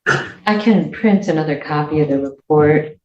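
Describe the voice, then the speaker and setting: A woman's voice: sits low, unhurried, a little mellow, slight background noise. A woman speaking as a prosecutor, explaining things informally and hesitantly in court. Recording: echoey, distant, muffled courtroom audio.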